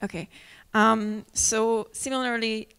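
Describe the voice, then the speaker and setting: A woman's voice: fairly high pitch, fairly even intonation, fairly bright tone, recorded from a distance. Woman with a Hungarian accent, live talk, heard from afar, echoey venue, background noise. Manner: friendly, unhurried, many ums and self-corrections. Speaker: travel photographer giving a slideshow talk. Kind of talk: live presentation to an audience. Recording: echoey hall, mic from afar.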